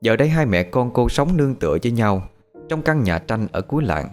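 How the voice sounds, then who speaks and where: A man narrating a scripted horror story in a dramatic, expressive way. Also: medium pitch, fairly quick. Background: faint music.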